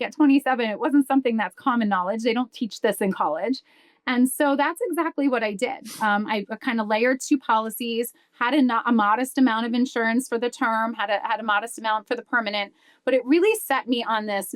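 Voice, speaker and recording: A woman's voice: on the high side, no echo. A woman telling a personal story as a podcast guest, earnest, with many fillers and restarts. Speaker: guest, insurance business development director. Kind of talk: conversational storytelling.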